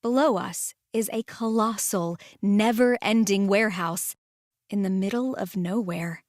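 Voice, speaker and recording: A woman narrating a first-person story in a calm, measured way and voicing the lead. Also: medium pitch, no room sound, clean studio sound.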